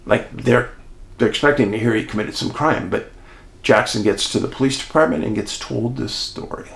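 A man hosting and telling a true-crime mystery story in an animated way, speaking straight to his listeners. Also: medium pitch, moderate pace, creaky, echoey room. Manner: animated, addresses listeners as folks. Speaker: host and storyteller.

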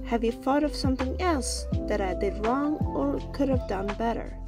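A woman's voice: high-pitched, normal speed. A woman in her thirties giving a plain, informal vlog voice-over. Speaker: vlogger. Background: music.

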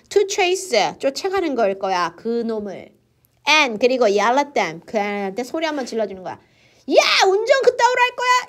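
A woman teaching English reading for an exam, explaining lively in a mix of English and Korean. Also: on the high side.

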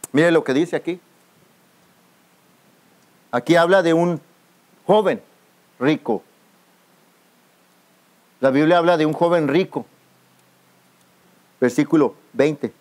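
A man's voice: fairly high pitch, slow pace, pauses often, darkish tone. A man, a pastor, preaching a youth camp sermon, often addressing listeners as brother and calling for their answers. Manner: calls out to the congregation for responses. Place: outdoor youth camp gathering.

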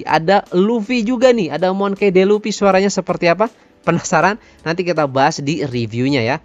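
A man, giving an informal software tutorial and addressing viewers like friends. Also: a little high, dry recording. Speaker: tutorial presenter.

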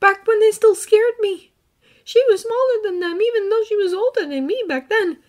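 A woman voicing an earnest teenage boy who sees ghosts, speaking softly and haltingly in a fan fiction audiobook reading. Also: extremely high pitch, pitched above the performer's own voice. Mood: tender. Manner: soft, halting, emotional.

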